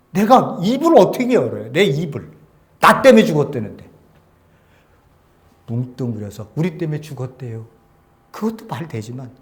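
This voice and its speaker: With a fairly high-pitched voice, a man preaches as pastor, moving between forceful calls and soft, whispery passages. Rhetorical questions to the congregation come up often.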